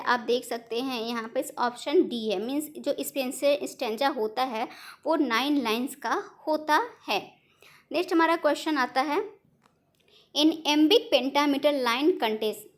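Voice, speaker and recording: Lady teacher, high voice, walks thru exam questions slow n step by step, fixes her own slips. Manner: explains slowly in Hindi mixed with English terms, self-correcting. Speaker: English exam coaching teacher. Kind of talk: online exam-prep lesson.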